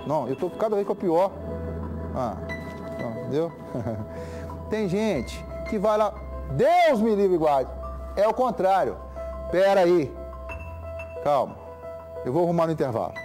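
Male news host, forties, Minas Gerais accent, animated colloquial studio commentary, music bed loud. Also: on the high side. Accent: Minas Gerais Brazilian. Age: 40s. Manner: emphatic, colloquial, appealing to viewers. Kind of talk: informal opinionated studio commentary.

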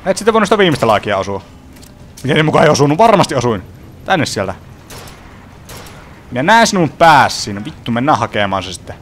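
A man's voice: medium pitch, sing-song, pauses often, fairly bright tone, a little hiss or hum. A young man casually commenting on his own gameplay from home, swearing often and grumbling at the game. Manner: swearing, frustrated, chatty. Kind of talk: casual let's play commentary.

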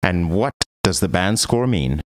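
A man with a low voice narrates a scripted training explainer in the style of an instructional voice-over. He's animated yet measured and orderly, taking the material point by point.

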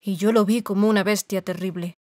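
Woman doing a forceful tin woodman. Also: mid-range voice, fairly even intonation, brisk, no echo, studio quality, natural voice. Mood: demanding. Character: angry tin woodman with an axe.

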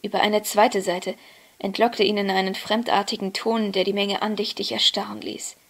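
A woman narrating a novel as an audiobook, in a measured, expressive storytelling manner. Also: mid-range voice. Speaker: audiobook reader.

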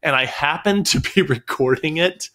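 Man, bright voice, podcast guest, chatty storyteller, wanders off topic. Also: on the high side, normal speed. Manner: storytelling, digresses and laughs. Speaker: guest, music studio owner. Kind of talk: casual podcast conversation.

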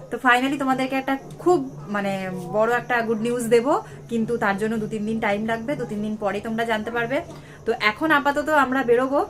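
A woman's voice: a little high, a bit bright. A young woman from West Bengal with a Bengali accent, chatting casually to her viewers in a home vlog. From West Bengal, India. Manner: chatty, addresses viewers as friends. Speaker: home vlogger. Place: home, indoors.

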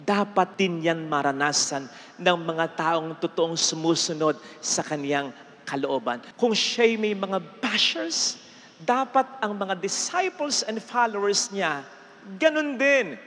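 A young Filipino priest giving an animated homily on a handheld mic in a large church, mixing English phrases in and slowing down to stress key lines. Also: male voice, high-pitched, big-room sound. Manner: animated, gesturing with raised arm. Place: large church sanctuary before an altar.

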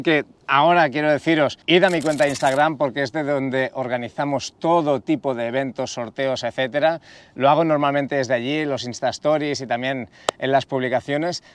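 A man's voice: medium pitch, smooth. A young man with a Spanish accent from Spain, hosting a car meetup vlog in casual, enthusiastic, thankful talk full of slang. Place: outdoor car meetup at a racetrack.

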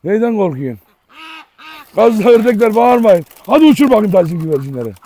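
A man's voice: high voice, very animated, brisk, mellow. A man hosting a casual outdoor dog vlog, coaxing his dogs and talking to viewers by turns. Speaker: dog owner and channel host.

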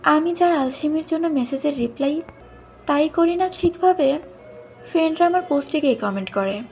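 A woman's voice: high-pitched, normal speed, vocal fry, darkish tone, faint music behind. A woman narrating a story in the first person, reading in a plain conversational way. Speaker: audiobook narrator.

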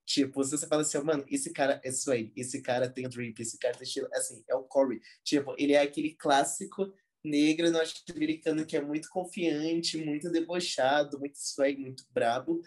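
A young man from Brazil with a Brazilian accent, a dancer telling stories as a guest in a casual interview, relaxed and slangy with many fillers. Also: fairly high pitch, fairly quick. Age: young adult. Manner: relaxed slangy talk full of fillers like "tipo" and "assim".

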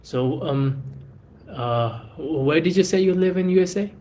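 A man's voice: a little high, expressive, a little slow, darkish tone, slight background noise. A young man practicing English over a video call, hesitant and a little under the weather with a cold. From grew up in India. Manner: hesitant, many fillers and restarts. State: has a cold. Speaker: English learner. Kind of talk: casual video-call chat. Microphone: earbuds on a video call.

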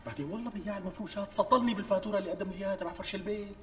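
An actor playing a harried young husband short of money, with a Syrian Damascene accent, protesting in exasperation. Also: male voice, high voice, very fast, a bit bright. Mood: exasperated. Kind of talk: TV sketch acting. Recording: distant mic with faint music.

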